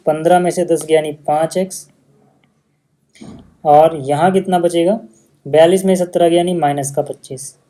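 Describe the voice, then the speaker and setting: A man's voice: fairly high pitch, mellow. A male maths teacher, patiently explaining steps in a casual lesson video.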